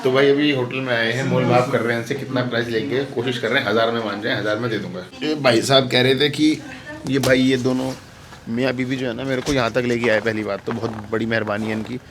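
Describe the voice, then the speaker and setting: A man's voice: mid-range voice, fairly even intonation, fast, a crowd in the background. A young man from India talking casually to the camera as a travel vlogger, chatty and calling his viewers "brother". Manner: chatty, addresses viewers as "bhai". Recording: noisy handheld outdoor recording.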